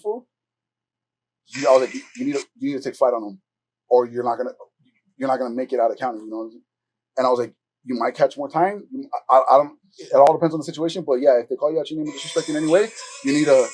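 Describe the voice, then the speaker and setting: A man hosting a podcast, telling a story in animated casual chat full of swearing and acted-out quotes. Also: mid-range voice, slightly rough. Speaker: podcast host.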